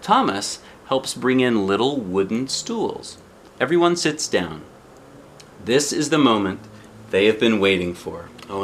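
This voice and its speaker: Here a man with a mid-range voice reads a picture book aloud to a child, expressive throughout and breaking off for friendly asides and questions. There's a slight hiss or hum in the recording.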